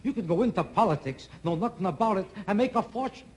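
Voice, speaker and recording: A man's voice: sits high, animated, quick pace, a little mellow, a little hiss or hum. A man doing a stand-up comedy routine on a TV stage, sardonic and needling the audience with repeated questions. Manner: sardonic, talks to audience members, rhythmic repetition. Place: TV studio stage with live audience.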